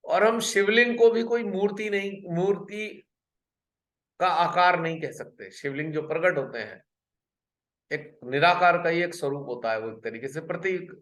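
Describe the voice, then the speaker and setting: A man giving a spiritual talk on a video call, earnest and pausing, often repeating a phrase before going on. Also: a little high, a bit bright, echoey room. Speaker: spiritual workshop speaker.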